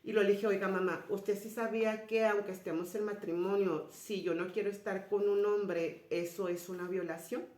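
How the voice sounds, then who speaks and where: Soft-spoken woman in an echoey room. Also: fairly even intonation, normal speed, few pauses. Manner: retells dialogue, often dropping to a soft low voice. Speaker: speaker sharing a personal story. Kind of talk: spiritual personal testimony to an audience. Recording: roomy echoey sound.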